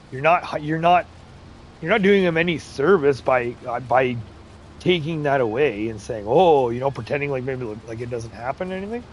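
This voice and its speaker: Over slight background noise, a man with a mid-range voice hosts a relaxed farming game stream. He chats and laughs frequently while reading the chat aloud, and his roots are English, Irish, Scottish, Ukrainian and Romanian.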